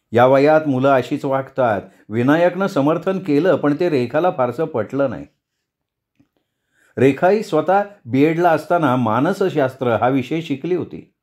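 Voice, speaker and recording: A man reading a short story aloud as a storyteller, in a measured, expressive narration. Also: mid-range voice.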